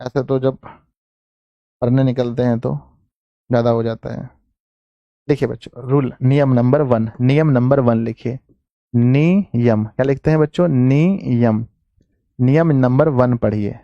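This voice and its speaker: Slow, repetitive male teacher dictating. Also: mid-range voice, steady tone, no echo, lo-fi sound. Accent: Bihari Hindi. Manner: dictates slowly, repeating phrases for students to write; coaxing, calls students "my children". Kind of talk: online exam-prep grammar lesson.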